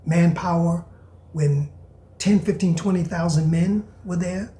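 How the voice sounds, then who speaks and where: A man hosting a podcast in a preacher's style, reading aloud and commenting with emphatic repetition and sudden hushed whispers. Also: sits high, steady tone, a little slow, roomy sound. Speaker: podcast host.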